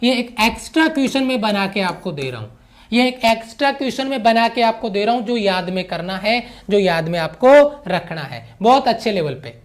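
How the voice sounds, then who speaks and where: High-voiced man teaching physics. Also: animated, fairly quick. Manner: repeats key phrases and keeps checking students understand; mixes English physics terms into explanations. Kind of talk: online classroom lecture.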